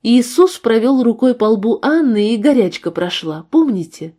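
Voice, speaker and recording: A woman's voice: a little high, sing-song, moderate pace, mellow, pitched above the performer's own voice. A woman reading the part of a devout, earnest mother in a storybook reading. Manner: earnest, pleading. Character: devout mother, firm yet loving.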